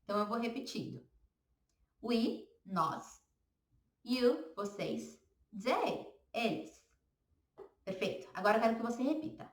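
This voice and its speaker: A woman's voice: on the high side, expressive, a little slow, pauses often. A woman with a Brazilian Portuguese accent teaching a beginner English lesson, patiently repeating words for learners to echo.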